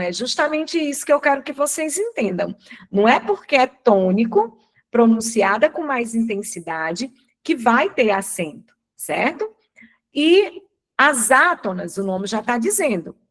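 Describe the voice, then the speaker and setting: A woman teacher from Brazil giving a live online grammar lesson, asking questions and answering them herself. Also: on the high side. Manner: didactic, asks and answers her own questions.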